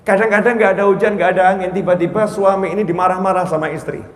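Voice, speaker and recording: A man preaching in a mosque, joking with the congregation and then building to forceful exhortation. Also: high voice, fairly even intonation, fast. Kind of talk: sermon. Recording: echoey mosque hall.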